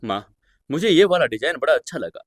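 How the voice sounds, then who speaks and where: A man's voice: on the high side, very animated, brisk, no room sound, studio quality. A man voicing a worried young adult daughter who asks anxious questions.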